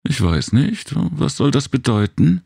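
A man with a very deep, gravelly voice voicing a playful young female warrior in a storybook reading, speaking in a lilting, coy way. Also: big pitch swings, measured pace, darkish tone, dry recording, studio quality, exaggerated voice. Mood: coy, teasing. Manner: lilting, coy, sing-song.

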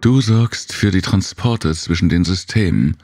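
A man's voice: low-pitched, unhurried, darkish tone, long reverb tail, voice pushed up. A man voicing a young female warrior who answers a threatening spirit with raised, defiant questions.

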